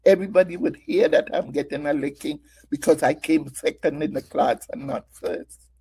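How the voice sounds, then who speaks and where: A woman's voice: deep voice, moderate pace, creaky, mellow, husky. A middle-aged woman preaching a Mother's Day sermon, asking her listeners many rhetorical questions and sharing her own story. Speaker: women's ministry speaker.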